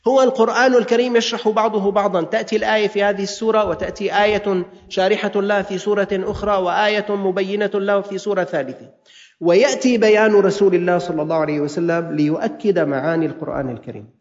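Levantine male preacher, high-pitched, exhorting, long hall reverb on a dull lo-fi recording. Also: steady tone, fast talker. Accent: Levantine Arabic. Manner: exhorting, mixing classical recitation with colloquial asides. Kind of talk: sermon.

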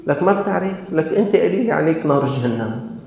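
A man voicing a hot-headed zealous man who loudly scolds someone, with echoey hall reverb. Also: expressive, fast talker, gravelly. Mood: indignant scolding. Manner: indignant, scolding, rising pitch.

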